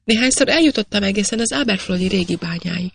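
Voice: medium pitch, lively intonation, gravelly, a bit bright, husky, no room sound, exaggerated voice. Shy young mine girl voiced by a reader. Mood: tremulous. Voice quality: hesitant, halting.

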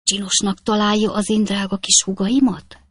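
A woman's voice: medium pitch, little pitch movement, breathy edge, no echo, studio quality, voice pushed up, natural voice. A woman doing a coy, jealous spinster aunt. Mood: coy, fussing. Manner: simpering, flirtatious whispering.

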